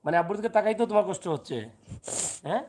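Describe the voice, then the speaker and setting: Filming a relaxed family vlog, a Sylhet, Bangladesh dad talks at a racing pace in a voice fairly high for a man, with a slight hiss or hum in the audio. He moves between teasing and gently coaxing his small son and talking to viewers.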